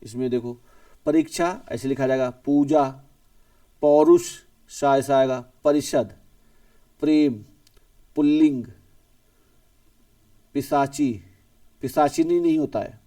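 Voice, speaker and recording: A male teacher drills spelling words one by one and corrects each in the same breath. His voice sits a bit high for a man and is set back from the mic in a dry, dead room. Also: fairly even intonation, takes it slowly, pauses often, dark tone, no room sound, distant mic. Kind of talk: exam-prep spelling lesson.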